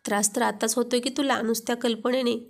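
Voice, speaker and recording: A woman's voice: on the high side, steady tone, quick pace, vocal fry. A woman voicing a playful young husband who keeps teasing his wife. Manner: teasing, joking.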